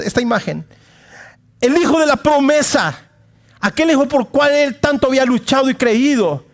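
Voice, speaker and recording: A man preaching a sermon in church, talking straight to his congregation with casual humor and dramatic swings from loud calls to hushed asides. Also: high-pitched. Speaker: pastor.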